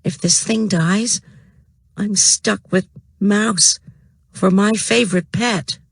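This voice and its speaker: A man voicing a spunky, moody young girl in a children's storybook reading, pitched up high. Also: fairly even intonation, slow, creaky, slightly rough, no echo, exaggerated voice. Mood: glum.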